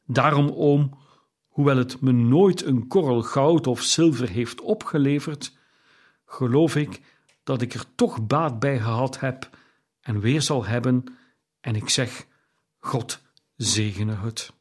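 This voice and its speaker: Earnest young nephew, read by a male narrator, slow and heartfelt, mid pitch. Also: husky. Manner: earnest and pleading. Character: cheerful, warm-hearted young man, the nephew.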